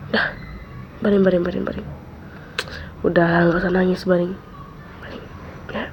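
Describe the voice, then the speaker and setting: Brief: woman, whispered role-play as caring friend, gravelly soft voice, dull lo-fi mic with faint hiss. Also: lowish voice, little pitch movement, moderate pace. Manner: soothing, repeats comforting words, soft and close. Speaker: ASMR role-play creator.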